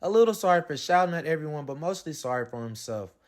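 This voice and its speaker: Animated man reading a picture book aloud. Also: on the high side, fast. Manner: playful, expressive, colloquial asides. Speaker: read-aloud host, coach.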